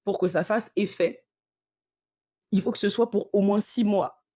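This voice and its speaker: A woman voicing her calm, reassuring female general practitioner while retelling a consultation. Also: medium pitch, a little slow, dry recording, studio quality, close to an everyday voice. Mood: explaining.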